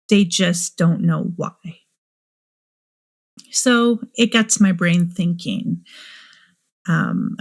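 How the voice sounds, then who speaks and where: A woman hosting a true crime show, musing aloud and asking many rhetorical questions. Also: mid-range voice. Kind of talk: speculative true crime commentary.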